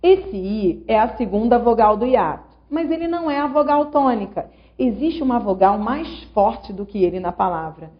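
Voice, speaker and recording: A woman with a fairly high, expressive voice speaks at normal speed with few pauses. Teaching grammar online, she sounds out syllables patiently and encourages the viewer to take part. The recording is lo-fi and somewhat dull.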